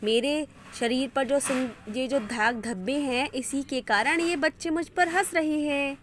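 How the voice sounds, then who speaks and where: A bright, high little storybook fish, as a woman puts her on, chirpy and coaxing, with a cheerful lilt. She speaks slowly and sweetly, like she is cheering up a friend. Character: cheerful spotted female fish, kind.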